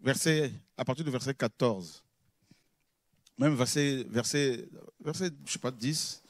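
A man preaching in French, a pastor teaching who repeats key words and swings from loud exclamations to low murmurs. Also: unhurried, dry recording, clean studio sound. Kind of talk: sermon teaching.

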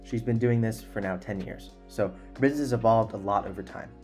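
His voice sits lowish and a little mellow, moving briskly over faint background music. The young man is a podcast host in a small room at home, close to a desktop mic, earnestly and emphatically introducing and interviewing in a conversational manner.

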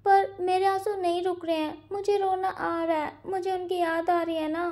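A woman's voice: sits high, fairly even intonation, normal speed, warm tone, close to an everyday voice. A woman voicing a clingy, tearful young male alpha in a storybook retelling, talking in a childlike, pleading way.

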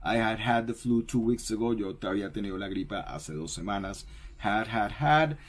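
A man's voice: on the low side, normal speed. A man teaching an English lesson, repeating each word and often checking in with "ok?". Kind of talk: bilingual language lesson.

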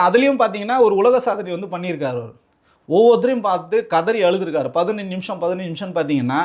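A political party spokesman with a Tamil Nadu accent argues his case in a heated interview, his high voice racing. Combative, he fires rhetorical question after question at the interviewer.

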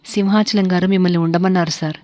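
A woman's voice: fairly low pitch, fairly even intonation, fast talker, darkish tone, close to an everyday voice. A woman doing a terse, formal butler. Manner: clipped and formal. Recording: dull lo-fi recording.

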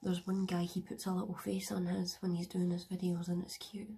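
Soft whispering young woman, low-key ASMR. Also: flat delivery, fairly quick, creaky. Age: young adult. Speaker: ASMR video creator. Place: dim room in a flat. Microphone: close binaural microphones. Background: faint room ambience, wind.

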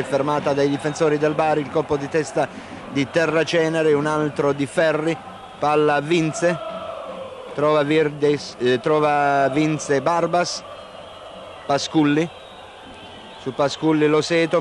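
Even-toned male football commentator, noisy broadcast. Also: fairly high pitch. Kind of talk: live TV football play-by-play commentary. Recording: noisy old 1990 TV broadcast.

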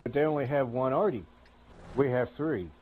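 A man's voice: medium pitch, normal speed, lo-fi sound, background noise. A man streaming a tank game, giving casual commentary with grumbling, sarcastic asides.

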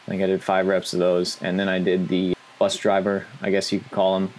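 A young man with a deep, low voice narrates his training session in a casual, explanatory coaching manner. He talks as if chatting to his followers. A faint background hum sits under the voice. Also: a little mellow. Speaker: fitness vlogger.

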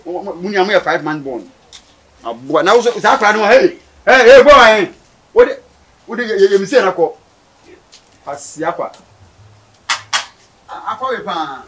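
A man with a West African, Ghanaian accent playing an excitable, argumentative carpenter in a comedy skit, repeating words insistently. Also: sits high, moderate pace, long pauses. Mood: agitated. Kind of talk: improvised street comedy skit. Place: outdoors in a residential yard and lane. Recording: distant outdoor camera sound, noisy ambience.

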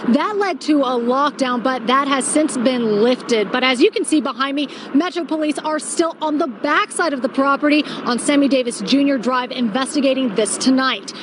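A young woman field reporter delivering a scripted live news report in a brisk way, outdoors on a city street at night with a handheld mic. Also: sits high, noisy background.

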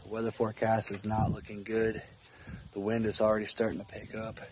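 A man's voice: on the low side, completely flat delivery, a little fast, background noise. A man in his thirties giving a matter-of-fact selfie vlog update outdoors on a phone held at arm's length. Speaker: fishing channel host. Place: outdoors by a house.

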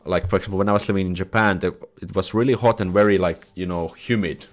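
Reading comments from viewers and chatting on a casual home live stream, a young Finnish man talks quickly in a low, fairly even voice with a Finnish accent. He keeps restarting words and slipping into Swedish phrases. The setting is a small indoor room at home, with a headset and a desk mic in front.

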